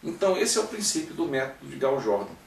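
Working through a math lesson step by step, a man often checks in with his students in this recorded classroom-style lecture. He talks fast in a gravelly, medium-pitched voice with big swings in pitch. The room is echoey and the mic sits at a distance.

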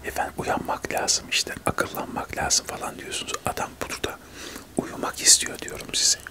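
A man in his thirties doing a whispered role-play of a testy TV debate, arguing insistently in a breathy whisper. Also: moderate pace. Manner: whispering throughout, argumentative, insistent. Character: testy male TV debate guests squabbling in whispers. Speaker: ASMR creator acting out a debate show.

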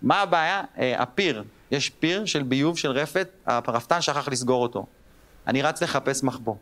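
A man in his thirties doing stand-up on stage, telling childhood stories and slipping into squeaky and gruff voices for the people in them. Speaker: stand-up comedian. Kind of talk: stand-up storytelling. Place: theater stage with live audience. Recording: live show with loud crowd laughter.

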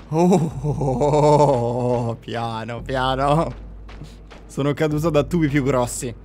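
A young man giving jokey, excitable let's play commentary on a horror game, talking to viewers and breaking into panicked yells. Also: medium pitch, takes it slowly, faint music behind. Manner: addresses viewers directly. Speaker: gamer playing a horror game.

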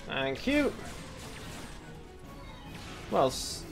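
A man's voice: on the high side, sing-song, drawn-out words, vocal fry, over music. A man casually commenting on his gameplay with dry, wry asides. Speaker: let's play host.

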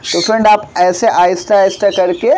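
A man's voice: sits high, steady tone, normal speed, darkish tone, slight background noise. A young man in his twenties running a bird farm, giving a chatty how-to vlog and calling the viewers friend over and over. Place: small room with blue walls, indoors.

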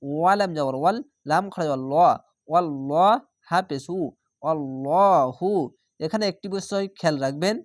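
A man leads a recitation lesson, spelling out each syllable in a steady, methodical way. He then sings the full word out slowly and at length. The sound is dry and close, without any room echo. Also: on the high side. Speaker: Quran reading teacher.

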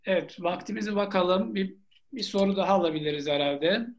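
High-pitched male seminar lecturer. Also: brisk. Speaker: seminar lecturer, Gulf studies expert. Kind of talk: online seminar question-and-answer. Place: small plain room indoors. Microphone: video call, earphone headset.

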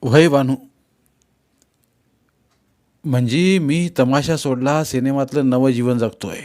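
A man's voice: medium pitch, fairly even intonation, normal speed, a little mellow, voice pushed up, natural voice. A man reading aloud, voicing a young male folk-theatre performer with rustic village speech. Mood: earnest.

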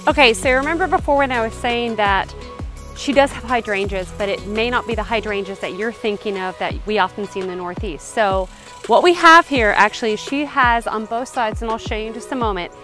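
Lady in her 30s doing a garden tour outside, chatty and upbeat, handheld camera, soft music behind. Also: a little high, fairly quick. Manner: chatty, upbeat, walks while explaining. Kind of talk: casual garden tour narration. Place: outdoor suburban garden. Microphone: handheld camera, selfie framing.

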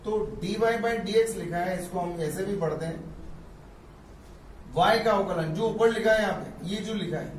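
A physics teacher gives a classroom lecture, explaining step by step and repeating terms slowly. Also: male voice, sits high, a little hiss or hum. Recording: echoey room, mic far off.

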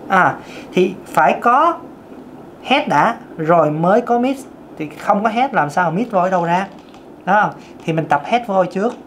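With a high, fairly bright voice, a male singing coach speaks to viewers directly in a casual lesson, demonstrating each vocal register as he covers it. He's animated but a little slow, and there's a little hiss or hum in the audio.

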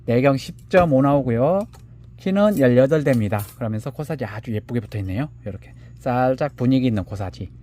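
A man showcasing handmade plant pots in a relaxed selling chat. His pitch moves up and down a lot as he talks. He measures each pot aloud and fondly calls the pots "little ones". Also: brisk, a little hiss or hum. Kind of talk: product showcase live sale.

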